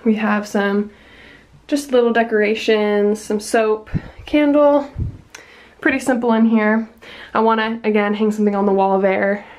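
A woman's voice: mid-range voice, fairly even intonation, measured pace, a little mellow. A young woman vlogger chatting casually at home, upbeat and filling her talk with "like" and "um" while she shows things to the camera. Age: young adult. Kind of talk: casual home vlog chat. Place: living room, then walking through a house, indoors. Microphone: on-camera mic, camera handheld at arm's length.

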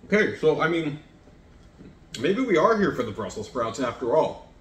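This man's voice sits a little high, with a fairly bright tone, lots of animation, and a normal speed. He's a thirtysomething home cooking vlogger chatting casually while he cooks and samples food, rambling and poking fun at himself. The sound comes from a fixed camera across the counter in an echoey home kitchen.

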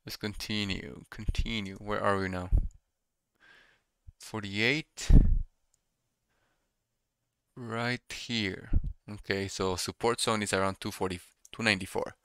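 A young man doing casual live trading commentary, thinking out loud and repeating his phrases as he muses. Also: lowish voice, fairly even intonation, slow pace, pauses often, smooth, dry recording. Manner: repeats phrases while musing to himself. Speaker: day trader streaming live. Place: small room indoors at a computer desk.

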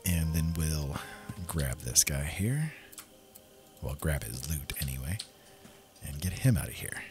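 A gaming video host with a bass voice speaks unhurriedly, his pitch swinging widely. He offers easygoing, casual commentary over a video game playthrough, thinking aloud as he plays while game soundtrack music runs underneath.

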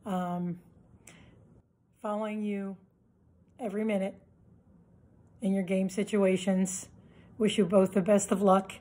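A woman giving a slow, halting message of good wishes. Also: medium pitch. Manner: slow, halting, flat delivery. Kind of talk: recorded video message.

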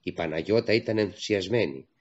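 A deep-voiced man reads a literary audiobook, telling the story in a steady, measured way. The recording is dull and lo-fi.

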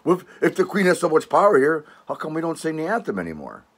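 Rapid-fire and a little high, with huge pitch swings, an older Canadian channel host tears into his viewers with sarcastic scorn. He rambles, starts over mid-thought, and keeps throwing in "eh" and "all right."

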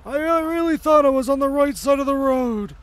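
A very high-pitched, doddering old grandfather faked by a young man for online game role-play. He comes across as apologetic and forgetful, a retiree in his twilight years. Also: brisk, no echo. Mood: apologetic, rambling.

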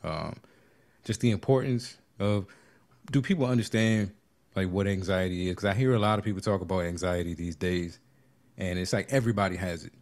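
A man's voice: low voice, brisk, darkish tone. A man co-hosting a podcast who is out of breath, speaking openly and with self-deprecating humor. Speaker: podcast co-host leading a health segment. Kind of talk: casual chat.

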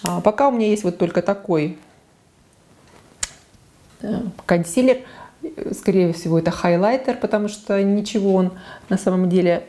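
Speaking warmly at a medium pitch and normal speed, this woman in her forties leaves long pauses as she chats casually to camera about her makeup. She's a beauty vlogger in a small living room, wearing a lapel mic, and she's frank, filling her talk with fillers and self-corrections.

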